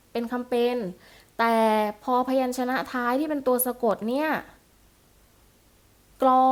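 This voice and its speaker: Woman teacher, slightly high voice; patient, questioning delivery for a recorded class lesson. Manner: patient, questioning, adds polite particles. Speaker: primary school teacher.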